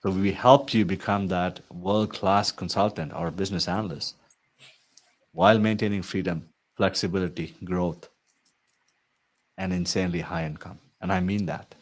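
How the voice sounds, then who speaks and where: Man, very low voice, earnest persuasive coaching talk, keeps asking "right?". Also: fairly even intonation, moderate pace. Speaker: IT consulting coach. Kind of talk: promotional talk to viewers.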